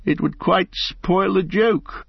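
A man voicing an elderly, fussy and excitable male hobbit in a high, fluttery voice with eager, breathless phrasing. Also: slow, vocal fry, slightly rough, no echo, exaggerated voice. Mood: rueful. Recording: dry, slightly dull recording.

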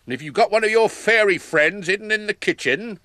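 A man's voice: high voice, lively intonation, a little fast, pushed and bright, no echo. An actor playing a vain, lazy old male cook who blusters and scoffs in a radio drama. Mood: indignant. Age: older. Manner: blustering and scornful, then cringing.

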